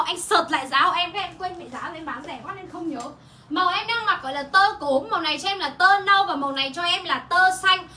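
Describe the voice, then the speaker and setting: A young woman hawks clothes on a livestream, talking quickly with a high, bright voice. She chatters on and exclaims often. Faint room ambience sits behind her. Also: slight background noise. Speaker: online clothing seller. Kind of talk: livestream sales pitch. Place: indoor home shop.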